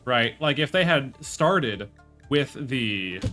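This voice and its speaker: A man's voice: medium pitch, animated, slow, bright, forceful tone, faint music behind. A man streaming live, talking casually and rambling, with many fillers, restarts and some swearing.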